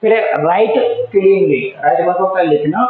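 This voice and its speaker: A man's voice: sits high, moderate pace. A male teacher with a slightly sore throat, explaining a spoken English lesson in Hindi and often repeating key words back to the class as questions. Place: school classroom. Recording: distant, echoey, tinny phone-like sound.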